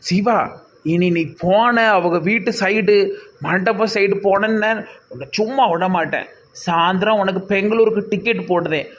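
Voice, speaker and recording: A man voicing a stern, high-voiced village panchayat leader with a Tirunelveli accent. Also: moderate pace, fairly bright tone. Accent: Tirunelveli Tamil. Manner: commanding, threatening.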